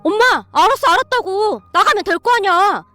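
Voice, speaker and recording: A woman's voice: extremely high pitch, sing-song, fairly quick, no echo, soft background music. A woman voicing a sulky grown son who whines and pleads with his mother. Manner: whining, pleading.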